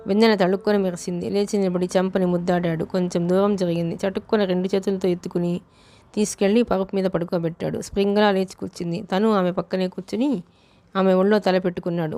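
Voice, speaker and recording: A woman narrating a novel as an audiobook in a steady, unhurried reading style. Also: medium pitch.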